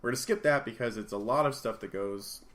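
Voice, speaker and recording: A man co-hosting a podcast, casually retelling a comic book story and acting out the characters' lines with lively bursts. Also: medium pitch, fast talker. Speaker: podcast co-host.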